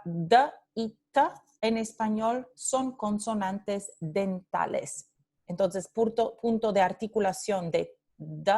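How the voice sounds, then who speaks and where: A woman lecturer explains sound patterns at a slow, measured pace in a voice of middling pitch. She repeats each example sound and word with care and slips in brief English asides. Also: darkish tone. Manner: mixes in short English asides. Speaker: phonetics teacher. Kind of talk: recorded lecture.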